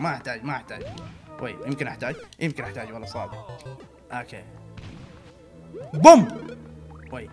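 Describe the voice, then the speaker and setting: Brief: young male gamer, expressive voice that swings from mutters to yells. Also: a little high. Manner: excitable, swinging between mutters and loud outbursts. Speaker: gaming channel host. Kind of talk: let's play commentary.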